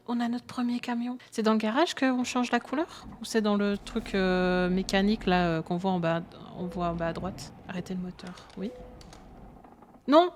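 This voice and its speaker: A woman's voice: mid-range voice, darkish tone. A woman with a Belgian French accent, streaming a truck game live and chatting to her viewers with frequent laughter. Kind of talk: live gameplay commentary to chat.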